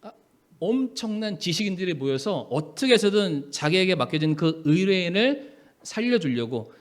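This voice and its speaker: A male pastor, preaching a sermon earnestly and often rising and slowing for emphasis. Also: high voice, very animated.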